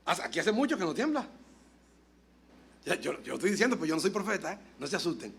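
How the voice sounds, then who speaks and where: A male pastor preaching a lively sermon, moving between loud exclamations and quiet asides and acting out dialogue as he tells stories. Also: sits high, quick pace, creaky, slightly rough. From Dominican Republic. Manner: acts out dialogue in storytelling.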